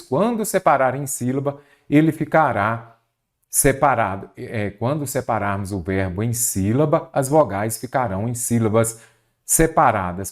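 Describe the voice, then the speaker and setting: Male teacher, online exam prep, animated, swooping intonation, direct address to viewers. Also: medium pitch. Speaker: Portuguese teacher.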